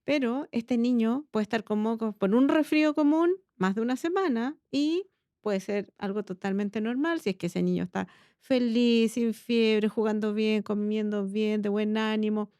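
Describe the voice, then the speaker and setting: A woman's voice: fairly high pitch, moderate pace, warm tone, clean tone, no room sound. A woman pediatrician with a Chilean accent, explaining patiently in a casual podcast chat and checking in with tag questions. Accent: Chilean Spanish.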